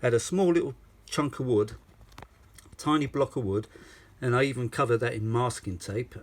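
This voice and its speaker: A middle-aged or older man with a mid-range voice shows a vintage audio machine during an informal, unscripted show-and-tell. He rambles, breaks into exclamations and repeats himself for emphasis.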